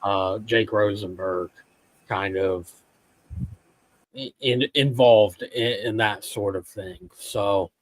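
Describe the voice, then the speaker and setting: A male sports panelist with a lowish voice and slow pace. He explains casually and hesitantly, recorded close and dry. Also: no echo, poor audio.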